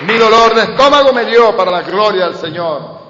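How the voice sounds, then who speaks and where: High-voiced preacher in a hall. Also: male voice, animated, moderate pace, a crowd in the background, background noise. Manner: impassioned preaching, swinging from shouts to quiet storytelling. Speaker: pastor. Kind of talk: sermon. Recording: echoey hall, dull sound.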